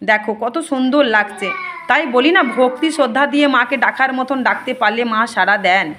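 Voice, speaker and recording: A woman's voice: on the high side, brisk, noisy background. A woman spiritual healer, earnestly addressing devotees and viewers and repeating herself often. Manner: earnest, repetitive, often asks "ঠিক আছে?".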